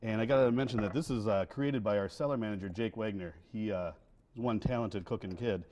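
A man's voice: lowish voice, a little fast, slight background noise. A man in his thirties, a winery guest on a TV cooking segment, talking casually with lots of fillers while he cooks in a studio kitchen. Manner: relaxed, many fillers and restarts. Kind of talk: casual cooking demo chat.

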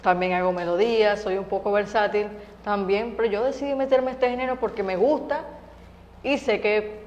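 A woman's voice: mid-range voice, fairly even intonation, moderate pace, a little mellow, long reverb tail, muffled recording. A young Venezuelan woman singer chatting casually as an interview guest, laughing often and talking through lots of fillers. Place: TV studio set.

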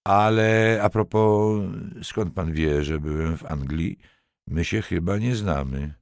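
A man's voice: low voice, slow pace, no room sound, clean studio sound. A man voicing a stiff, precise retired officer. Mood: stung. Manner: careful speech, clearly stressed syllables. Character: elegant retired older male army officer. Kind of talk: audiobook character voice.

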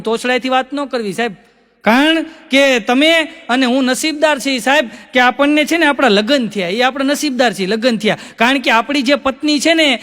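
Guy doing stand-up, really high bright voice, lots of hall echo. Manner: chatty, acts out quoted voices, laughs at his own punchlines. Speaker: stand-up comedian. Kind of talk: live stand-up storytelling.

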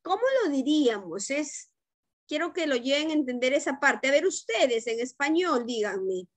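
A woman's voice: high-pitched, lively intonation, moderate pace, no echo. A woman teacher leads an online class, correcting students' pronunciation and checking in often. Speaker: English teacher. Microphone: video call.

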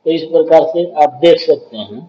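Narrating filmed welding work, a male channel host walks through a pipe weld in an explanatory way, frequently addressing viewers as "doston" (friends) and saying "dekhiye." His warm voice sits on the high side at normal speed, with lo-fi sound.

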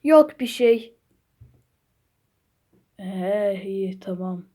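A woman acting out a playful improvised story, switching between excited and growling character voices. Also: medium pitch, drawn-out words. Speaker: toy story narrator and voice player.

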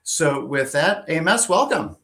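A man's voice: fairly high pitch, lively intonation, moderate pace, pushed and bright, a little hiss or hum. Upbeat middle-aged man hosting a video call. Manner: upbeat, friendly, conversational with fillers. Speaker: host. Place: home office with a wooden door. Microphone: webcam on a video call.

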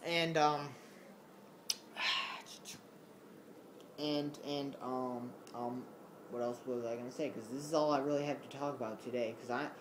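A man's voice: mid-range voice, fairly even intonation, unhurried, pauses often. A man talks casually into a camera at home, worn out and distracted. He loses his thread often and fills the gaps with ums and restarts. His voice sits mid-range, with a faint background hiss on the recording. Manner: rambling and easily distracted, many fillers. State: tired. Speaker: vlogger.

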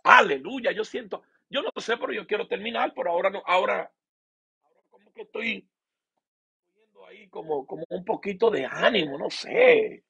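A man's voice: high-pitched, brisk, vocal fry, pauses often, fairly bright tone, husky. A male pastor giving an emotional sermon and personal testimony, often repeating words and restarting. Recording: dull lo-fi recording.

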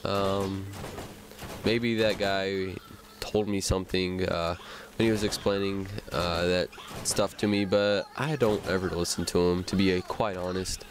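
Slow, low-voiced rambling gamer man. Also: steady tone, slight background noise, rough recording. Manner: rambling, self-chatting, many fillers. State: stuffy nose. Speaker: gaming commentator. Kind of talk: let's play commentary.

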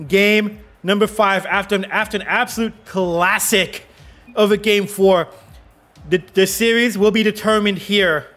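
High bright-voiced esports play-by-play caster. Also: male voice, faint music behind. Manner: rapid excitable calls, rising to yells on goals. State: out of breath.

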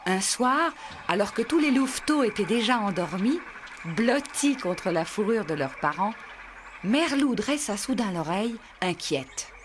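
A woman narrating a children's storybook in a slow, gentle storytelling manner. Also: medium pitch, expressive, slight background noise.

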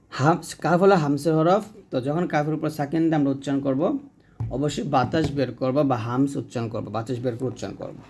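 A man, teaching a recitation lesson slowly and drawing out sounds to demonstrate them. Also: fairly high pitch, darkish tone. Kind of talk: explanatory lesson.

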